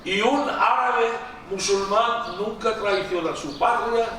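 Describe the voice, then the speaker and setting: Speaking slowly and forcefully in a high, bright voice, this middle-aged guest lecturer from Iraq, a native Aramaic speaker with an Iraqi Arabic accent, addresses a big, reverberant church hall. He presses his points, says phrases again, and frequently slips and restarts words. The recording is distant, echoey, and noisy.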